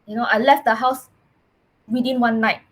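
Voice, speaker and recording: A woman with a Singaporean English accent speaks in a fairly high voice, earnest and halting, restarting her phrases as she tells her own story. A clear hiss and clicks sit under the recording. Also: steady tone. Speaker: podcast guest. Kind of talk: personal storytelling in casual chat.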